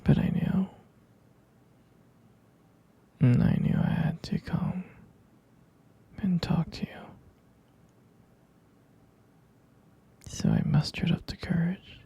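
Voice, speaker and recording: Close to the microphone, a man murmurs tender, hesitant comfort as a sleepy, gentle half-human vampire boyfriend in an ASMR roleplay. The breathy whisper is slightly high and heavily acted, delivered at a moderate pace, with the highs cut off.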